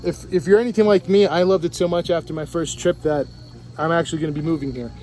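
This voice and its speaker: This casual travel vlog comes from a Puerto Rican man by a resort pool, speaking into a handheld camera with fillers and restarts. He talks fast, and his slightly high, somewhat mellow voice keeps a fairly even intonation.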